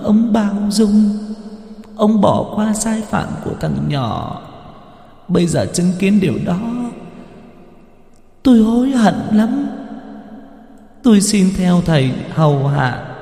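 A sobbing female ghost mother pleads in a high, gravelly voice, as a male narrator puts her on. She drags out her words slowly. The voice rings with long reverb over music. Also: darkish tone. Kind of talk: ghost story reading.

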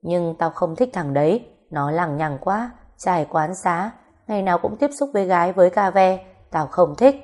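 A woman voicing a blunt, foul-mouthed grown woman who scolds roughly in a storybook reading. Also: on the low side, lively intonation, normal speed, a little mellow, lightly acted. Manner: rough, scolding, swears freely.

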